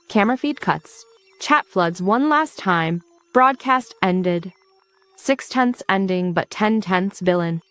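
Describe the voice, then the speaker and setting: A woman's voice: mid-range voice, a bit bright, no echo. Playful woman narrating a comic recap. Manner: playful, asides to the listener. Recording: dry close recording.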